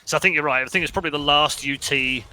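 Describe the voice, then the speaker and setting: A man commentating a video game match, joking around and shouting at big plays. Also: fairly high pitch, quick pace. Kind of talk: esports commentary.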